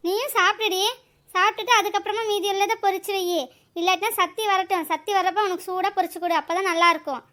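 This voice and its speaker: Woman doing a squeaky bright old granny, scolds and nags fast, cartoon. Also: fairly even intonation. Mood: fond. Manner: scolding, shrill, teasing. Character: scolding old village grandmother. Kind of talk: cartoon voice acting.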